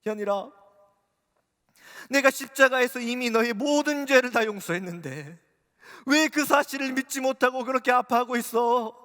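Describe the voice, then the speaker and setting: A male pastor voicing Jesus as a gentle, pleading, loving father in a sermon. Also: extremely high pitch, animated, normal speed, voice pushed up, heavily acted. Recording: long reverb of a church hall.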